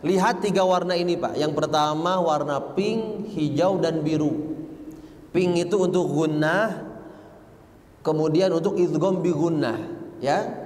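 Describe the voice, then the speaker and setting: A man's voice: fairly high pitch, unhurried, a little mellow. A man teaching Quran recitation, patiently drilling pronunciation and chanting example verses. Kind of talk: Quran memorization lesson. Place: mosque hall. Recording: roomy hall reverb, faint noise.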